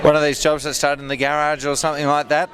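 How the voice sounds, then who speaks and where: A man's voice: on the high side, flat delivery, fast. An Australian man hosting a casual interview with guests. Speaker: festival interviewer, show host. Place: outdoors at a beer festival. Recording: outdoor event, crowd and music behind.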